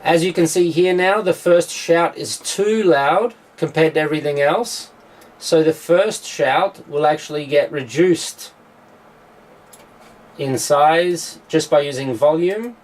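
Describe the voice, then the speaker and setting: Speaking slowly in a voice on the high side, this producer explains his mixing process during a studio tutorial. His delivery is explanatory and full of filler sounds like "uh" as he goes.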